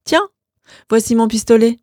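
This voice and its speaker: A man's voice: high-pitched, big pitch swings, unhurried, dry recording, studio quality, heavily acted. A woman voicing a mocking, cruel young man who taunts and provokes his family in a read-aloud novel. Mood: taunting. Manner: sneering, taunting.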